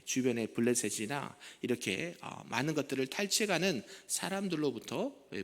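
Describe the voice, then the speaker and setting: Casting: male pastor, morning sermon, engaging and chatty, church reverb. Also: mid-range voice. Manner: conversational preaching, asks the congregation questions. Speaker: senior pastor. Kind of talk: early morning prayer sermon. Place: church sanctuary.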